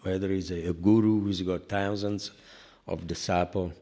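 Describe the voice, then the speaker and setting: An older man with a deep, low voice teaches a relaxed spiritual class. He wanders through stories, filling his talk with "you know" and chuckling at his own self-mocking jokes. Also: moderate pace. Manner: rambling, anecdotal, many "you know" asides; self-deprecating humor, laughs at own jokes. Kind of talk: informal scripture class sermon.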